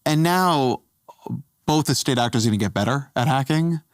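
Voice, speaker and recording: A man's voice: medium pitch, expressive, normal speed, no echo, clean studio sound. A man hosting an interview, asking probing questions in a conversational way. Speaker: host, interviewer.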